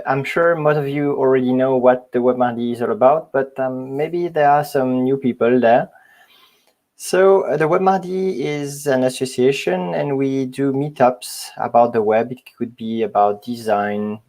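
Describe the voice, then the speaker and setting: A man's voice: medium pitch, darkish tone. Guy hosting a web meetup online, lots of uhs, hesitant. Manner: hesitant, many fillers. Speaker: meetup host. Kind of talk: online event introduction. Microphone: video call.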